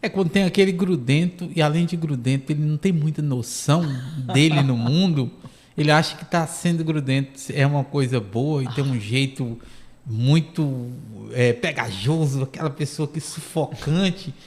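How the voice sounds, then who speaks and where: A man, co-hosting a casual radio talk, agreeable and animated. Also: a little high, normal speed. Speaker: radio co-host.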